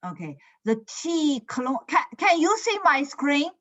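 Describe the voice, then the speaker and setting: A woman lecturing in an online class, heard through a screen recording. She talks slowly, often checks "is it?" and fills gaps with "uh". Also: high voice, very animated, a bit bright, lo-fi sound. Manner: slow, with frequent "is it?" checks and "uh" fillers. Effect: screen-recorded online lecture audio. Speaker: computer science lecturer. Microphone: computer mic on a video call.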